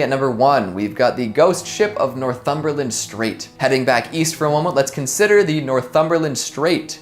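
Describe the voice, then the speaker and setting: A man narrating a scripted countdown of eerie legends, with wry conversational asides. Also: medium pitch. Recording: faint music bed.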